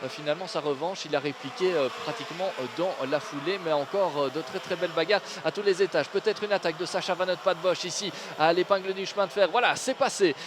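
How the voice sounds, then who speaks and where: A male motorsport commentator calls a kart race live. His voice sits a bit high and his phrases are broken by frequent hesitations. Clear vehicle and outdoor noise runs behind him. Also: steady tone. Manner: hesitant delivery, frequently padded with drawn-out filler sounds. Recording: noisy trackside sound with engines. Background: outdoor ambience and vehicle noise.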